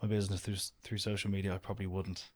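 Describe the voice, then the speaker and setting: A man's voice: low-pitched, very fast. A young Irish man, an outdoor business owner, talking casually and rambling as a podcast guest. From Ireland. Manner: relaxed, rambling, lots of "do you know". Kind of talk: casual interview chat.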